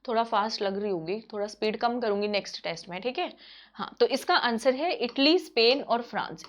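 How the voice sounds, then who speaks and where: A woman teaches an online current-affairs quiz, moving quickly and repeating each answer so it sticks. Her voice sits a little high, and she keeps checking in with her students. The audio is somewhat dull and lo-fi. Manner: brisk and repetitive, often checking in with "theek hai". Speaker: exam-prep teacher.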